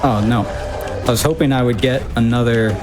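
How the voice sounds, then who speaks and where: A man's voice: medium pitch, brisk, over music. Casual man commentating his own speedrun. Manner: informal, wry, self-interrupting thinking aloud. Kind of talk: casual live gameplay commentary.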